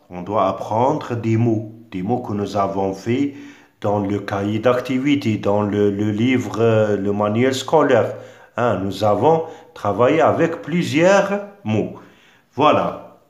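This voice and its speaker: Slow, lively-pitched man teaching French. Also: roomy sound. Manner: patient and repetitive, spells out letters, many fillers. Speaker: primary school French teacher. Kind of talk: exam revision lesson.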